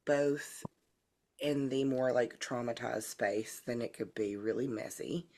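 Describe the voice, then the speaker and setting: Low-voiced Southern woman, easygoing. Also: a little slow, dark tone. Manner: thoughtful, hedging with fillers. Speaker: podcast co-host. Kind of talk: casual chat.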